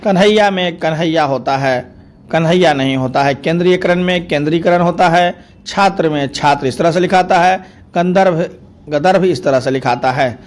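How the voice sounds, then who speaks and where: A male teacher running through spelling corrections word by word, stating each wrong form and then the right one in a steady, repetitive drill. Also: on the high side, normal speed.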